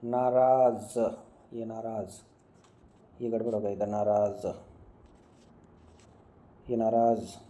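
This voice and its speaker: Man with dark flat voice drilling words. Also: on the low side. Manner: drilling students with quick questions and answers, repeating words. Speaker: Hindi grammar teacher. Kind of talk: online exam-prep lesson.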